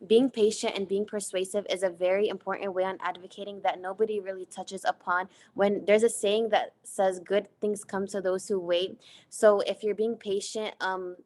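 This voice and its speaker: A woman's voice: medium pitch, level tone, normal speed, darkish tone. A young woman from the United States, presenting a class project in an earnest way, reading from her slides with frequent fillers. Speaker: student presenter.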